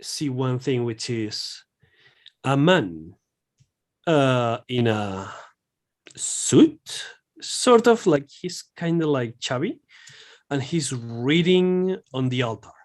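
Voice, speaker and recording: A man narrating as game master of a tabletop horror game, halting and full of fillers. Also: mid-range voice, expressive.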